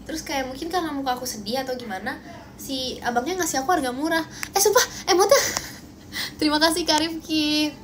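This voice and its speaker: Bubbly high-voiced young woman livestreaming. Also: fairly quick, noisy background. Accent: Indonesian. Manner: bubbly, thanks viewers for gifts, playful protests. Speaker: idol livestream host. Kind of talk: casual livestream chat. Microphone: phone livestream.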